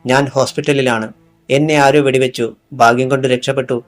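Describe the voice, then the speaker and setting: A man reading the part of a calm, brave young man wounded by a bullet, in an audiobook. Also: medium pitch, normal speed, faint music behind, close to an everyday voice.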